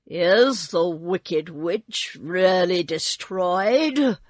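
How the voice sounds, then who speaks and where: A woman's voice: mid-range voice, lively intonation, slow, a bit bright, no echo, studio quality. Woman acting meek, trembling old Wizard of Oz. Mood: evasive, uneasy. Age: older. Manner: meek, pleading. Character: little old man, meek humbug posing as great wizard.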